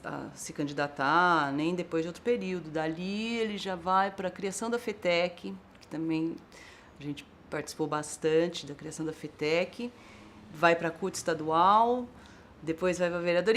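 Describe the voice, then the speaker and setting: A woman in an interview, calmly recounting a colleague's career. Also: mid-range voice, a little hiss or hum. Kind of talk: reflective interview.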